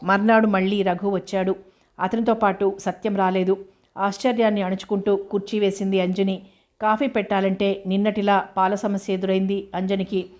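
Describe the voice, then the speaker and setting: A woman narrating a novel in a steady, measured reading voice. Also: medium pitch.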